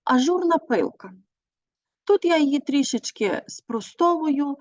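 A woman teacher giving a measured presentation on her teaching methods, pausing often with hesitations. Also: sits high, expressive, no echo. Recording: dull, dry recording.

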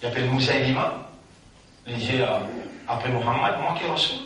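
Recorded far off in a reverberant hall, a man delivers a Ramadan sermon that swings between booming proclamations and soft asides. He speaks at medium pitch and normal speed, with a little hiss or hum.

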